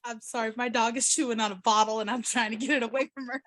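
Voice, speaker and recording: A woman's voice: a little high, steady tone, fast, fairly bright tone, dry recording. An American woman hosting an interview, chatting casually over a video call with fillers. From American Midwest and South. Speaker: host.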